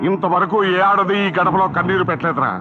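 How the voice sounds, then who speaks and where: An older man playing a stern father who scolds his grown son in a booming voice. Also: quick pace, lightly acted. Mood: scolding. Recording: slightly dull film soundtrack with loud music.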